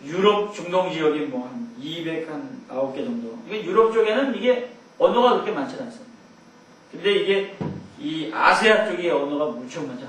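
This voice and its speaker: A middle-aged man leads a Bible lecture in an easy, rambling way, chuckling through asides and mimicking quick shouts. His voice sits fairly high. He sounds distant from the mic in a booming, echoey room with a faint hum of ambience. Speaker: Bible teacher.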